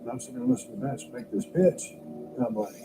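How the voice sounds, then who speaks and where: A man's voice: medium pitch, fast talker, over music. A man in a documentary interview telling the story of his own career in a blunt, salty, casual way. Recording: noisy background hiss.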